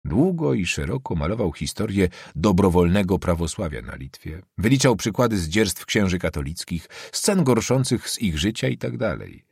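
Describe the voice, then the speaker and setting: A man reading literary prose aloud as an audiobook narrator, expressive and dramatic. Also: sits low, moderate pace, vocal fry, few pauses, husky, no echo, clean studio sound.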